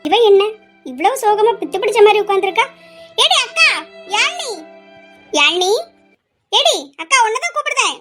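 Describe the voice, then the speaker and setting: Woman voicing an eager younger sister, high-pitched, coaxing, home-made drama. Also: very animated, normal speed, long pauses, over loud music. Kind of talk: amateur family drama.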